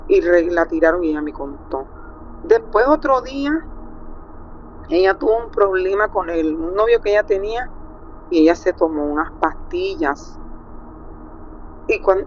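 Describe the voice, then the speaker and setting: A middle-aged Colombian woman with a Colombian accent, calling in to tell a personal story with emotion, acting out quotes. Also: medium pitch. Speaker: caller. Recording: muffled call with faint hiss.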